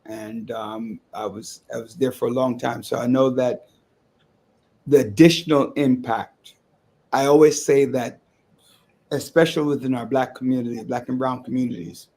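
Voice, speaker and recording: A man in his sixties, retired from education, co-hosting a casual radio talk show with a measured, teasing manner. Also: mid-range voice, steady tone, a little mellow. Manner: measured, teasing, switches into Spanish. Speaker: co-host.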